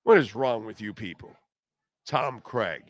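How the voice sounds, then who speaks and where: A man's voice: on the low side, lively intonation, unhurried, dry recording. Male sports-talk host, escalating comedy rant, mocking and exasperated, very dry studio sound. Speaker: radio show host.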